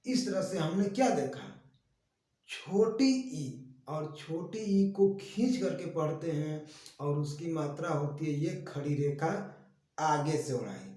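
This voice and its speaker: A man teaching children to read, drawing out his words in a slow, sing-song way and answering his own questions in the voice of a pupil. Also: a little high, dark tone. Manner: slow, drawn-out sing-song teaching voice, speaks both sides of a pupil dialogue. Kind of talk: Hindi reading lesson for children. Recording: echoey room, voice from a distance.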